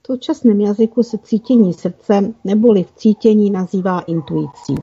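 A woman narrating a children's fantasy story in an even, careful reading style with small slips. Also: mid-range voice, breathy edge. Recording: dull lo-fi recording.

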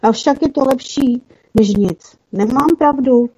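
A woman voicing a young boy student who speaks in a steady, reassuring way, read in a storybook. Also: sits high, husky, pitched above the performer's own voice. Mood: confident. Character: young boy, a wolf-den student, calm leader. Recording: dull lo-fi recording.

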